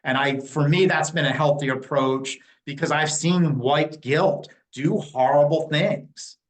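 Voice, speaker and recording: A man in his fifties from New Jersey, speaking frankly and bluntly in an interview. His voice sits a bit high for a man, and he pads his points with "um" and "you know". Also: fairly even intonation, a little slow, poor audio. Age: 50s. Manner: blunt and opinionated, with frequent fillers. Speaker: interview guest, Native community liaison. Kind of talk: candid conversational interview.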